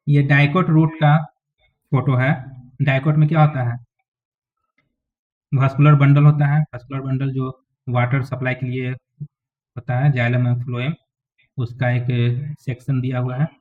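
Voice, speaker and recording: A man's voice: medium pitch, level tone, unhurried, long pauses. A man teaching a biology lesson, explaining diagrams step by step and often checking that his students follow. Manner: explains step by step, often checks with "ठीक है" and "समझ में आ गया?". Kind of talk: classroom lecture explaining diagrams. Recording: tinny phone-like lo-fi recording.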